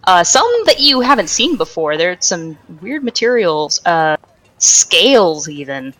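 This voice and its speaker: A young woman runs a tabletop game as its game master, her voice a little low. She stops and restarts often, filling gaps with ums and uhs as she describes the scene. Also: big pitch swings, fairly bright tone, low-quality recording. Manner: halting, full of fillers and restarts. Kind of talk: narrating a tabletop game over voice chat.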